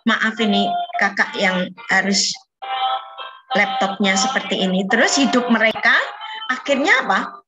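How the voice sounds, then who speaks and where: A woman with a mid-range voice speaks unhurriedly and pauses often, with loud music playing behind her. She's a children's Sunday school teacher running a Bible lesson by video call, gently drawing the kids out with questions.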